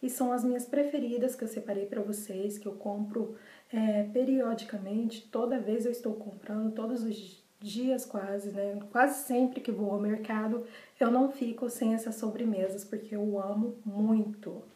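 High-voiced young Brazilian woman, echoey room. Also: fairly even intonation, moderate pace, mellow. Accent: Brazilian Portuguese. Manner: chatty, repeats words for emphasis. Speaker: video blogger. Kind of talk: casual vlog to camera, showing desserts. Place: small bare room indoors.

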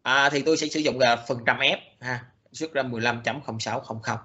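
A male lecturer explains code slowly, filling pauses with hesitant sounds and restarting his sentences. His voice is bright and forceful, and the recording is dull and lo-fi. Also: mid-range voice. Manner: halting, many fillers and restarts. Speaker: programming lecturer.

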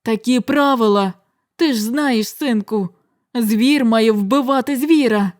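Stern werewolf father in a horror audiobook, loud, urgent, commanding as a woman reader plays him. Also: on the high side, slow, no echo, studio quality. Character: stern father, a werewolf, middle-aged man.

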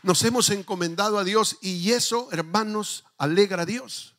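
A man's voice: high-pitched, normal speed, fairly bright tone. A male pastor preaching a fervent church sermon, calling out to the congregation.

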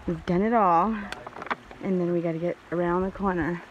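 A woman's voice: on the low side, moderate pace, muffled recording, background noise. Chatty woman filming a snowy hike. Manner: excited, chatty, easily startled. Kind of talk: casual chat while hiking. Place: outdoors on snowy mountain trail. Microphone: handheld phone camera.

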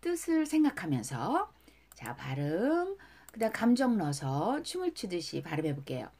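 A woman's voice: mid-range voice, wildly swooping pitch, a little mellow. A woman teaching English by explaining lyrics line by line and repeating each phrase for pronunciation. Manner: slow, drawn-out delivery. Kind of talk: pop song English lesson.

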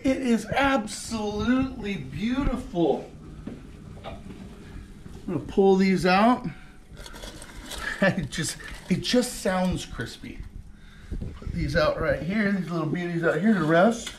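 A man's voice: sits high, expressive, takes it slowly, long pauses, slight background noise. A man in his forties hosting a cooking show, chatting enthusiastically to viewers as he cooks in a kitchen. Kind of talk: casual cooking demonstration. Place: home kitchen studio, indoors.

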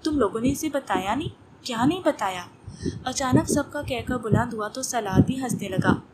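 A woman's voice: a little high, expressive, moderate pace. Woman reading a romance novel aloud. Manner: reads all parts in her own voice. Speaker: novel narrator. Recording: noisy recording with clicks.

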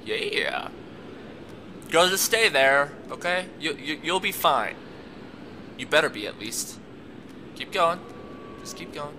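A young man giving let's play commentary, excitable and talking to the game's characters as he plays. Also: on the high side, takes it slowly, long pauses, a little hiss or hum. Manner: excitable, talks to the game characters, laughs a lot. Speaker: gamer.

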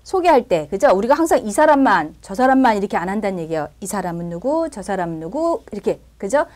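A woman's voice: medium pitch, big pitch swings, quick pace, a little mellow. A woman teaching Spanish in a recorded lesson, explaining step by step and often checking in with her listeners.

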